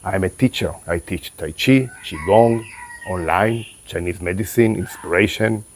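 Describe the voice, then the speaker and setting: Speaking to camera after meditation, this qigong and tai chi teacher has a very deep, slightly closed voice and a first language of Hebrew. He reflects slowly and calmly, pausing and starting over as he thinks. Quiet insect chirps and a faint hiss or hum sit in the background.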